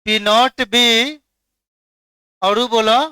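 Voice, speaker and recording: Loud high-voiced chemistry teacher. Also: male voice, fairly even intonation, drawn-out words, smooth, dry recording. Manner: loud, questioning the class, mixing English terms. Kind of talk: classroom lecture.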